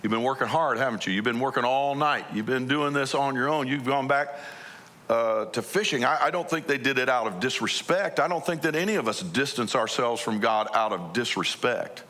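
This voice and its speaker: A man's voice: medium pitch, brisk, sharp tone. A man preaching a conversational sermon as a pastor, asking his listeners many questions.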